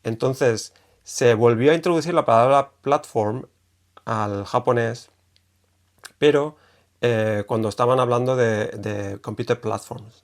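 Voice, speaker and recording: Man from Spain explaining casually. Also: lowish voice. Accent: Spanish from Spain. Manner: thinking aloud with many fillers and restarts. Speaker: language video host. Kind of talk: casual explanatory video lesson.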